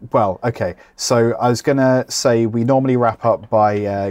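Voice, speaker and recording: Bloke hosting a podcast, lowish voice, rambly and jokey, dry close recording. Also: male voice, darkish tone, dry recording. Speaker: podcast host. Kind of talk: casual, rambling chat.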